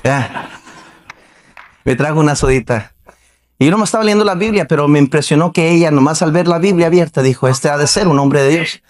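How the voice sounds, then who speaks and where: A man preaching a Baptist sermon in a church, his voice sitting somewhat high for a man. He talks to the congregation like a conversation, firing off rhetorical questions and slipping into quoted voices. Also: brisk. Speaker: pastor. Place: church sanctuary.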